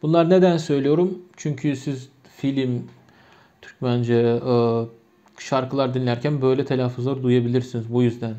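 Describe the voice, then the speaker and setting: A man's voice: medium pitch, fairly even intonation, moderate pace, warm tone. A man from Turkmenistan with a Turkmen accent, a native Turkmen speaker, patiently explaining grammar with many repeated examples in a lesson. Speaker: language teacher. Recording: muffled lo-fi recording.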